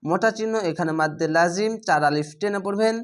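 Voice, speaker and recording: A man teaching Quran reading, explaining each rule and then chanting the words slowly and drawn out. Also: high voice. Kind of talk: spelled-out recitation lesson.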